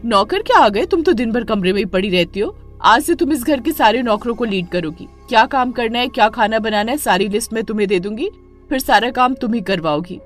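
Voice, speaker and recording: A woman voicing an arrogant, spoiled young wife in an animated story, ordering others about haughtily. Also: a little high, a little fast, soft background music, close to an everyday voice. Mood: haughty. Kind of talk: storybook voice acting.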